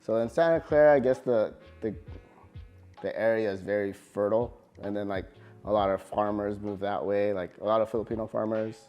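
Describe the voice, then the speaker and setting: Faint music sits behind this fairly low-pitched voice of a California tattoo artist being interviewed. He talks casually and relaxed, stopping and starting with lots of fillers.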